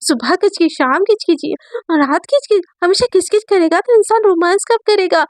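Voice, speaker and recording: A cheeky young woman who teases and bosses her friend around in a high, bright tone, as a storyteller puts her on. The voice is close and dry, with no room sound. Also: expressive, moderate pace, no room sound. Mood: teasing. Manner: teasing, mock-bossy. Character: playful teasing young woman, bride's sister. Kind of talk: storytelling role voice.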